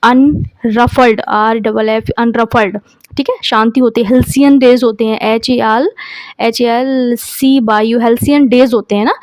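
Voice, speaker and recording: A woman's voice: on the high side, steady tone, unhurried, a little mellow, dry recording. A woman teacher with an Indian accent, giving an exam vocabulary lesson, spelling words out letter by letter and using memory tricks.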